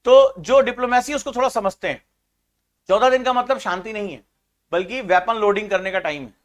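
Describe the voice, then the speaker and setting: A man giving casual commentary on world affairs, animated and mocking, acting out little scenes as he talks. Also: sits high, a little fast. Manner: acts out scenes with sound-alike chants. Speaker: political commentator.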